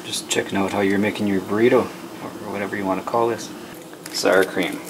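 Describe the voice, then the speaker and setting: A man's voice: on the low side, level tone, a little fast, background noise. A man in his thirties casually vlogging at home, chatty and a bit grumbly. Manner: laid-back, chatty, mildly grumbling. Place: home kitchen and living room. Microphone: camera mic.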